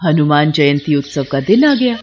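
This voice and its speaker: A narrator telling a devotional cartoon story in a calm, measured way. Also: medium pitch, dull audio. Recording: voice-over with faint background music.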